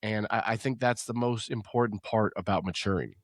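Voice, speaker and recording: A man's voice: fairly low pitch, brisk, no room sound, clean studio sound. A man hosting a podcast in casual chat, sick and hiccuping, easygoing and joking. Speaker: podcast host.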